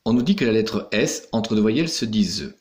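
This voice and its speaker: A man's voice: on the low side, animated, normal speed. A man teaching young pupils in a recorded lesson, patiently explaining each step. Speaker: primary school teacher.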